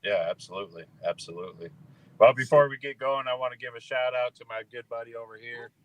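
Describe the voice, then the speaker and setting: A man's voice: mid-range voice, level tone, quick pace, a bit bright. An American man co-hosting a show with casual, easygoing, informal banter. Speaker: show co-host. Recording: clearly noisy, ambient background sound.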